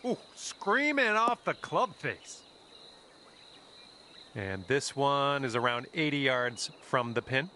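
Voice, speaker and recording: A man's voice: medium pitch, unhurried, few pauses, sharp tone, slight background noise. A man playing an upbeat, easygoing golf commentator in a video game, calling shots conversationally with exclamations. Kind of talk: sports commentary.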